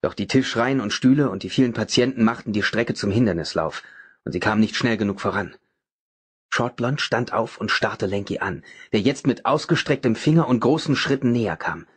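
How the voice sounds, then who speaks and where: A man reading a novel aloud as audiobook narrator, in a dramatic, even manner. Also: on the low side, a little fast, breathy edge. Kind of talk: scripted narration.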